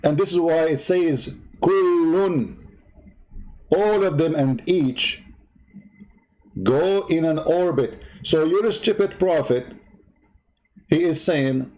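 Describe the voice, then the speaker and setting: Over a video, a debate host delivers polemical commentary, mocking and insulting emphatically and sometimes humming to himself. His voice is a little high and mellow, and the recording quality is low.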